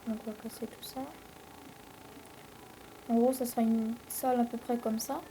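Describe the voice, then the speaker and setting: Une jeune femme à l'français commente sa partie de jeu vidéo sur un ton décontracté et bavard, avec beaucoup d'hésitations. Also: female voice, on the high side, flat delivery, moderate pace, noisy background. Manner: rambling, chatty, many fillers. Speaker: let's play host. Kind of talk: casual gameplay commentary.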